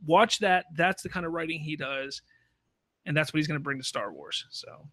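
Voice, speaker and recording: A man hosting a podcast, chatting casually about film news in a halting way with repeated restarts. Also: on the high side, sharp tone, no room sound. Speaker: podcast host.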